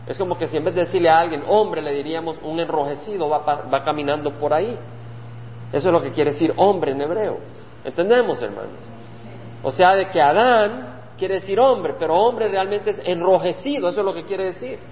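A high-pitched man preaches a Bible study, earnest and driving his points home by repeating key phrases. The recording is dull and lo-fi, with a long hall reverb and a faint hum underneath. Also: animated, fairly quick. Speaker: pastor.

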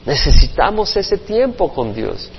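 A male pastor preaching a Bible study sermon to a congregation, expressive, with playful sound effects and acted quotes. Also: fairly high pitch, measured pace, a little hiss or hum. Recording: muffled reverberant church recording.

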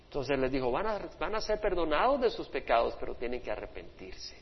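A man's voice: medium pitch, very animated, brisk. Male preacher, passionate sermon delivery, muffled lo-fi recording. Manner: impassioned preaching, voices quoted speakers. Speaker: pastor. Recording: dull lo-fi sermon recording in a reverberant hall.

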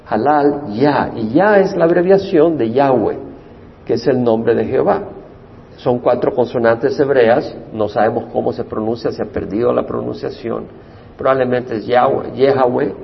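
A pastor teaching a Bible study, explaining the meanings of Hebrew words and repeating key terms for emphasis. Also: male voice, medium pitch, creaky, big-room sound, lo-fi sound, slight background noise. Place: church.

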